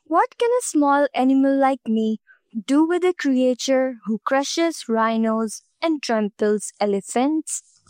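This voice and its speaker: A small male hare from a storybook cries out in helpless fear, as a woman storyteller puts him on. The voice is slow and a bit high, recorded close and dry. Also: animated, a little mellow, no echo. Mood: frightened. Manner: crying out in fear.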